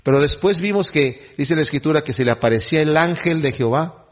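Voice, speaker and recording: A man's voice: on the high side, fairly quick. A man preaching in a casual teaching style, retelling scripture conversationally and quoting the people in it. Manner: conversational, retells scenes with quoted voices.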